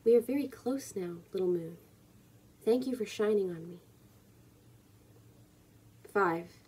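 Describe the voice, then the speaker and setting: A young woman in her 20s, a poetry reader and video creator, speaks slowly in a slightly husky, mellow, medium-pitched voice. She casually introduces and then reads spoken word poetry from a small room at home.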